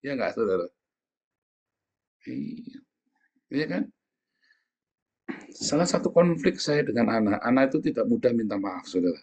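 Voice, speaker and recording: Middle-aged male pastor, husky tone, chatty sermon delivery, asks the congregation to agree, voices quoted speakers in a higher pitch. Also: expressive, measured pace, pauses often, darkish tone. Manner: conversational, often asks the audience "ya kan?"; acts out quoted speakers in a raised voice.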